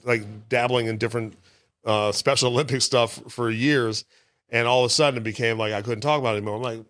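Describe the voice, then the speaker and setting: Fast-talking comedian telling stories. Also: male voice, medium pitch, no room sound, clean studio sound. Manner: animated storyteller, acts out quoted voices. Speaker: stand-up comedian guest. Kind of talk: casual storytelling in podcast interview.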